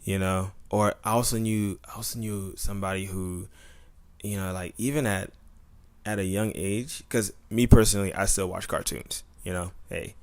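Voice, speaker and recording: A man's voice: low voice, steady tone, normal speed, smooth. A man in his twenties co-hosting a podcast, rambling and joking with lots of "you know". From Tampa, Florida. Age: 20s. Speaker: podcast co-host. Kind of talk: casual podcast chat.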